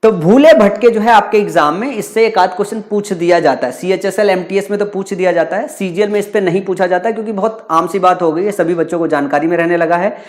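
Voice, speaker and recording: A man's voice: sits high, fast, hardly any pauses. A man teaching an exam-prep grammar lesson to students. He drills each point with rhetorical questions and answers them himself, going over the same idea again and again. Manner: calls students "bachcha".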